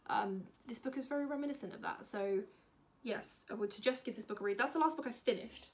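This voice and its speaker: A woman's voice: fairly high pitch, fast talker, very noisy. Chatty woman in her twenties. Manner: chatty, dry sarcastic humour, rambling asides. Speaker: book vlogger. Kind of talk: casual to-camera vlog chat.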